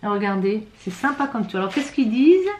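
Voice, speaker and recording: A woman's voice: mid-range voice, expressive, brisk, darkish tone, reverberant, slight background noise. A woman vlogger chatting casually through a beauty box unboxing, hesitant and full of fillers and restarts, with a slightly rattly voice. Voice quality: self-described rattly voice.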